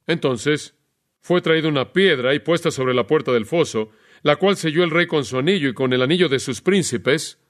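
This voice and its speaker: A man preaching an expository Bible sermon in a lively way, putting rhetorical questions to his listeners. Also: fairly high pitch. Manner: animated, asks rhetorical questions.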